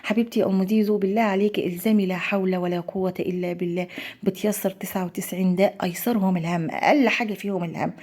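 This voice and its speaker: A woman's voice: medium pitch, steady tone, fast, darkish tone. A young woman with an Egyptian accent, talking earnestly to her viewers about prayer and blessings. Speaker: lifestyle vlogger. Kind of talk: heartfelt religious talk to viewers.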